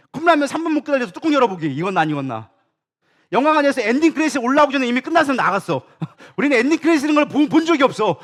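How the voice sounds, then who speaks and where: Fast, high-voiced man preaching a sermon. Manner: lively, colloquial, many rhetorical questions to the congregation; humorous storytelling asides. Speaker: co-pastor. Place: church sanctuary.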